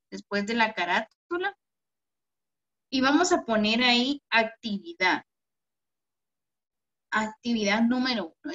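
A woman primary school teacher giving an online class to children, gentle and affectionate, often ending phrases with a questioning "¿verdad?". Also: fairly high pitch. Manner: affectionate, calls pupils "mi amor". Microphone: video call. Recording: dull lo-fi video call audio.

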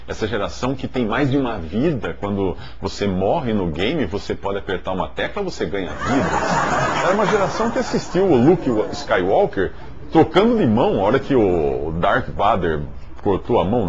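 A man in his forties from Brazil, giving a lively, joking talk to an audience in a studio on a lapel mic. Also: lowish voice, noisy background. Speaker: speaker. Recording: dull lo-fi video sound.

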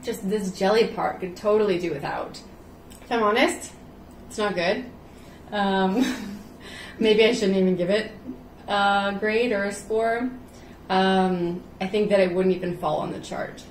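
A woman's voice: medium pitch, steady tone, unhurried, long pauses, slight background noise. Frank chatty woman in an echoey room. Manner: frank, chatty food taster. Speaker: vlog host. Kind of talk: casual chat. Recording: echoey room with faint ambience.

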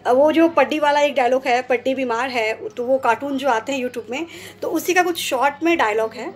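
A woman with a Bengali accent vlogging casually at home, talking fast and chatty with many fillers. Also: high-pitched, slight background noise. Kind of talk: casual vlog to camera. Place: at home, hot room with fan running.

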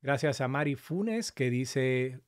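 A man hosting a casual live stream, a little hoarse from long talking, greeting viewers affectionately by name. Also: mid-range voice, lively intonation, slow. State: slightly hoarse after an hour of talking.

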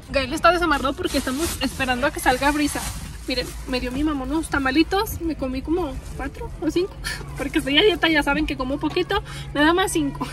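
A young Mexican woman with a Mexican accent, chatting casually to her followers and telling stories with frequent laughs. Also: high voice. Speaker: vlogger. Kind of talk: casual chat.

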